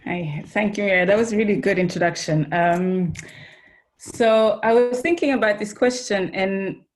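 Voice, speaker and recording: A woman's voice: medium pitch, moderate pace. A woman from Belgium speaking as a panelist on an online academic panel, earnest and searching, with restarts and fillers, over a video call.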